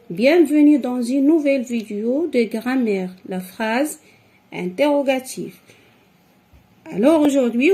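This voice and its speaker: A woman's voice: a little high, darkish tone. A woman teaching a grammar lesson to young children, explaining patiently and repeating each step. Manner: slow, patient explaining with repetitions.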